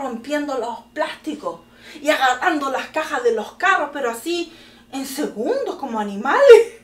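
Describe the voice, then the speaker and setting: Lively, high-voiced Chilean woman storytelling. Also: far from the mic. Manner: animated, laughing often, exclamatory. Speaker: podcast host telling a story to her daughter. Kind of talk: casual storytelling chat. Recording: echoey room, voice from off the mic.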